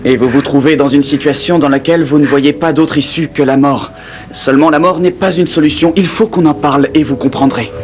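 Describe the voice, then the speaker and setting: A man's voice: fairly high pitch, steady tone, brisk, natural voice. An actor in his thirties playing an earnest, reassuring young priest who speaks insistently in a dubbed TV crime drama. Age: 30s. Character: earnest young priest, urgent, soothing and protective.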